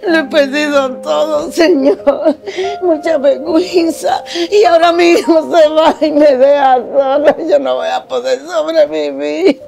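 A woman's voice: high-pitched, sing-song, measured pace, creaky, heavily acted. An actress playing a remorseful mother who drinks and begs her son not to leave her, over background music. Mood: sobbing. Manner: pleading, sobbing.

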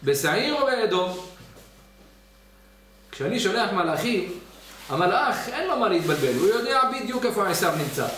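High-voiced man teaching in an echoey hall. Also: pauses often, slight background noise. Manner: lively storyteller who acts out the quoted voices. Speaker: rabbi teaching a weekly Torah class. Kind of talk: weekly Torah lesson. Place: study hall. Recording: very echoey hall, mic at a distance.

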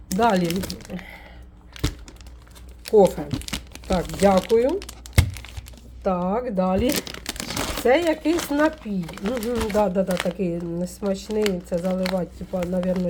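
A woman from Ukraine, a folk witch vlogger, chatting warmly as she unpacks a parcel, full of fond diminutives. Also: mid-range voice, lively intonation, takes it slowly, long pauses, background noise. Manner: warm, doting, with many fond diminutives. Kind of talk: casual unboxing vlog.

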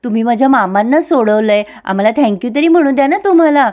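A woman's voice: fairly high pitch, expressive, fast, muffled recording, natural voice. A woman voicing an effusive young woman insisting on thanking guests. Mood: insistent. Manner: insistent, warm.

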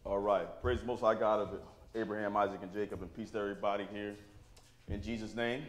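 This preacher speaks quickly in a lowish, fairly even voice, addressing his congregation plainly with informal grammar. After each point he asks "right?" in call-and-response fashion, and the church room echoes.

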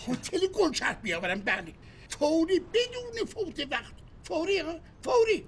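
A man's voice: very high voice, huge pitch swings, background noise, heavily acted. An actor playing an older man, a hotel guest who complains emphatically about his stubborn wife. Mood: exasperated.

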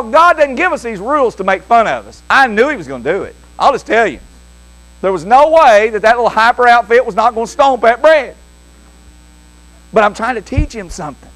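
An older man preaching a sermon, telling a homespun, jokey story in a lively, folksy way. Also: very high voice, rough recording. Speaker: pastor.

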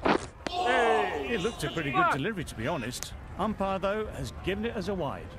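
A man voicing a measured, analytical cricket commentator in a video game. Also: high voice, very animated. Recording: heavy noise over game commentary.

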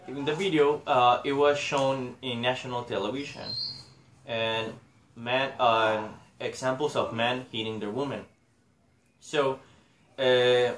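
A man's voice: medium pitch, fairly bright tone, slight background noise. A young man gives a class presentation in English, hesitant and full of filler sounds, recorded on a laptop mic in a small room. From Honduras. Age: young adult. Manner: hesitant, many filler uhs. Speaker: student presenter. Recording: echoey room.

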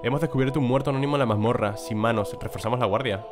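A young man with a Spain Spanish accent commentates a video game at a quick clip, reading its text aloud in a medium-pitched voice. He talks casually and curses at setbacks. Game music plays clearly behind him. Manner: casual, swears and exclaims at setbacks. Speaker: gameplay commentator.

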